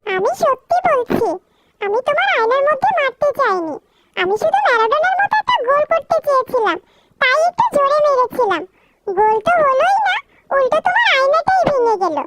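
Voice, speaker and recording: A woman's voice: very high-pitched, very animated, fairly quick, very noisy. A woman voicing a naughty young boy in a cartoon who is cheeky and fond of chips, whining and pleading. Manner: pleading and whiny. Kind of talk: cartoon voice acting.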